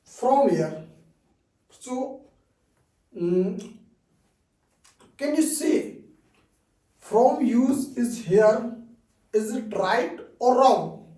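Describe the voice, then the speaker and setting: A man's voice: very high voice, animated, very slow, pauses often, warm tone. A man with an Indian accent giving an English lesson, repeating key phrases and checking in with "okay" again and again. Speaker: English teacher. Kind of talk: slow explanatory lesson. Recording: roomy echo, distant mic.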